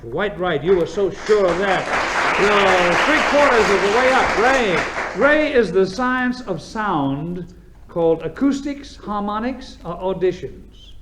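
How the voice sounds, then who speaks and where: A man's voice: high voice, lively intonation, measured pace, crowd noise, noisy background. A man hosting a radio quiz show, joking and bantering breezily with the contestants. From United States. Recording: old radio broadcast with music and audience. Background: studio audience and music.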